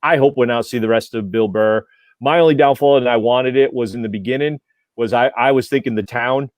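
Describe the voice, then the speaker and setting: A man's voice: mid-range voice, fairly quick, dry recording. A man on a casual podcast panel, talking with rambling enthusiasm and filling his sentences with like and you know.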